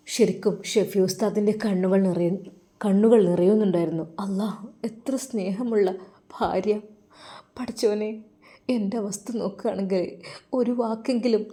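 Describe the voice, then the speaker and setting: Warm-toned woman narrating a devotional story. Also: medium pitch. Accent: Malappuram Malayalam. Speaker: storyteller voicing all characters. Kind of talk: Islamic story narration in Malayalam.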